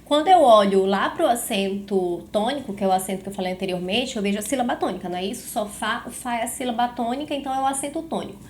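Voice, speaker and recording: A woman with a fairly high voice teaches grammar in a clear, patient, explanatory way. She slows down and stresses each example word so the students can follow. A faint hiss sits under the recording. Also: a little mellow. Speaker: Portuguese teacher. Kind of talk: classroom grammar lesson.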